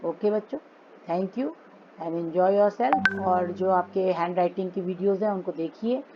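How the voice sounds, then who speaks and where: Woman, teacher, Indian English accent, slow patient drilling, slightly dull recording, faint hiss. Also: on the low side. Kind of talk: phonics lesson for children.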